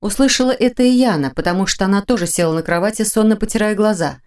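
A woman narrating a mystery audiobook in a measured, even storytelling manner. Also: medium pitch. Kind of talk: scripted narration.

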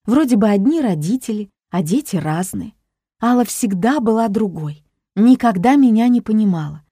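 A woman's voice: medium pitch, expressive, moderate pace, mellow, husky, dry recording, studio quality, pitched above the performer's own voice. A woman voicing a fussy, theatrical older grandmother who gasps and makes odd pronouncements, in a storybook reading. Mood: plaintive. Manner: dramatic, gasping, fond of odd pronouncements.

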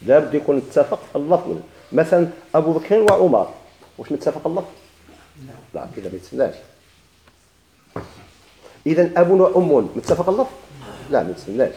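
A man's voice: on the high side, sing-song, a little fast, long pauses, dark tone, roomy sound, slight background noise, rough recording. A man with a Moroccan Arabic accent teaching a grammar lesson, asking questions and answering them himself with repeated examples.

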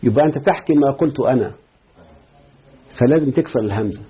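A man's voice: mid-range voice, fast talker, slightly rough. A man with an Egyptian Arabic accent teaching a grammar lesson, explaining step by step and quizzing his students. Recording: tinny phone-like lo-fi recording.

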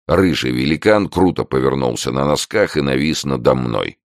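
A man narrating a first-person crime story as an audiobook, in a measured, dry storytelling manner. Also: rumbling low, no echo.

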